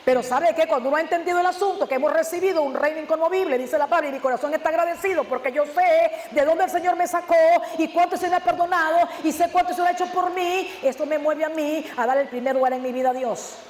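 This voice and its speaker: High-voiced pastor preaching fervently. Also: male voice, fast talker, hardly any pauses, a little hiss or hum. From Nicaragua. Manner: fervent preaching, with rhetorical questions and sudden loud emphasis. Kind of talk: sermon. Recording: echoey church hall with long reverb.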